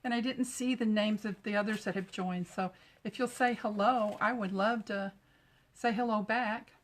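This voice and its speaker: A woman's voice: mid-range voice, steady tone, normal speed. A middle-aged woman from Texas, chatting and greeting viewers as she demonstrates a craft project during a live stream. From Texas, USA. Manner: chatty, greets viewers while working with her hands.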